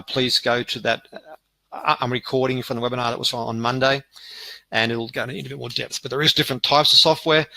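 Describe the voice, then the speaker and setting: A man gives an informal online sales webinar in a very bright, forceful voice. The sound is dry and close. He explains step by step, haltingly, often correcting himself. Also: mid-range voice, no room sound, poor audio. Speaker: webinar presenter.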